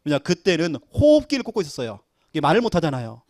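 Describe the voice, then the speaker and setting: A middle-aged man, a pastor, preaching a sermon and telling stories with lively acted-out quotes. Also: fairly high pitch, fast, no echo, studio quality. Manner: animated storytelling, acting out quoted voices.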